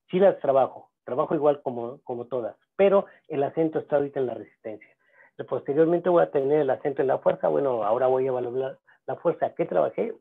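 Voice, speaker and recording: Gravelly man lecturing over a tinny line. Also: medium pitch. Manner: halting, many fillers and restarts. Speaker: seminar instructor. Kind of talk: lecturing at a seminar.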